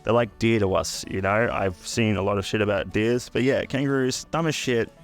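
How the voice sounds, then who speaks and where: A man's voice: on the low side, moderate pace, faint music behind. A man in his twenties, from the UK and raised in Australia, chatting in a crude, sarcastic comedic vlog. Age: 20s. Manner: crude, sarcastic, swears freely. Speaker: YouTuber.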